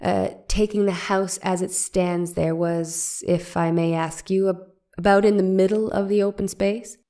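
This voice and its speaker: A woman performs the role of an 1890s defense attorney from a trial transcript, pressing a witness with leading questions in a probing mood. She speaks a little slowly at medium pitch, with fairly even intonation and a mellow, everyday-sounding voice.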